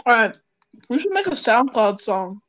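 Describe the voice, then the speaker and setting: A man bantering with a gaming friend, teasing and telling deadpan joke stories. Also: extremely high pitch, normal speed. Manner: teasing, storytelling, deadpan jokes. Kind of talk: casual banter. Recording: dull lo-fi sound.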